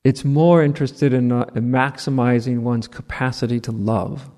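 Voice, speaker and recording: A man's voice: mid-range voice, steady tone, moderate pace, warm tone. A man giving a spiritual talk. He is conversational, with frequent "right?" asides and light laughter. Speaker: spiritual teacher. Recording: long hall reverb.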